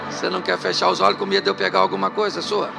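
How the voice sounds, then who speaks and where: A middle-aged Brazilian pastor from Rio de Janeiro with a Carioca accent, preaching a humorous sermon to a congregation and telling stories about himself. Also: male voice, sits high, little pitch movement, rapid-fire, gravelly, music in the background. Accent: Carioca Brazilian Portuguese. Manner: humorous storytelling preacher, laughing at his own jokes. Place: church hall with a live congregation.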